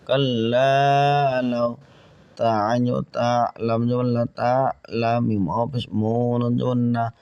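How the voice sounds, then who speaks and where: A man's voice: medium pitch, level tone, a little mellow, clean tone, no echo, lo-fi sound. A man teaching Quran reading, spelling out each word letter by letter for learners and then reciting the verse. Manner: slow, patient letter-by-letter drilling, then melodic recitation.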